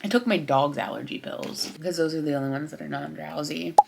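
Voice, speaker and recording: A woman's voice: low voice, fairly quick, creaky, very noisy. A young woman in a casual, candid vlog voice-over. She is chatty and pokes fun at herself, and she has a runny nose. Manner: chatty, candid, self-deprecating. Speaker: vlogger.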